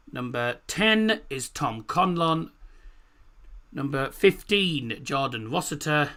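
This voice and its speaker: A man with a slightly high, bright voice hosts a football stream. He announces at an unhurried pace in an informal manner. His speech impediment turns his r sounds into w. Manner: informal, deliberate on names, swears mildly. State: has a cold. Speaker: football watchalong host. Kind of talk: live stream announcing, reading out team lineups.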